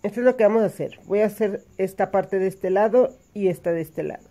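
Calm woman teaching hand embroidery. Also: medium pitch, brisk. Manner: patient, explains each stitch while working. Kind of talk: step-by-step hand embroidery tutorial.

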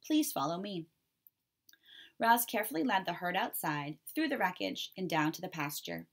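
A woman reading a children's chapter book aloud in a clear, steady storytelling manner. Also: fairly low pitch, fairly quick. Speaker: reader.

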